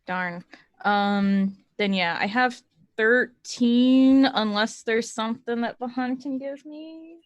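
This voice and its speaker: A woman's voice: on the high side, slow pace, no echo, lo-fi sound. A woman chatting casually as a player at a tabletop game.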